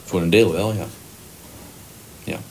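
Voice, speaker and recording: A man being interviewed, answering in a hesitant, halting way. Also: low-pitched, vocal fry, a little mellow, a little hiss or hum. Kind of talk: casual interview.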